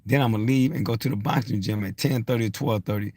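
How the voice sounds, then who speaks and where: With a warm, husky, lowish voice and a quick pace, a man around sixty gives an unscripted motivational rant for social media. He's blunt and insistent, repeating himself to hammer each point. The recording is dry.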